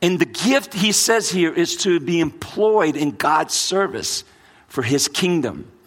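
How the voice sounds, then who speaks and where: Slow and animated, a slightly high, somewhat bright male voice carries this sermon. The speaker is a middle-aged American pastor with a New Orleans-Brooklyn accent who preaches earnestly while often repeating words and restarting.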